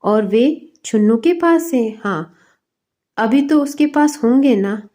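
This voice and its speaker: A woman's voice: a little high, lively intonation, takes it slowly, warm tone. A woman voicing a stern middle-aged father who presses his young son with scolding questions, in a storybook reading. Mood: questioning.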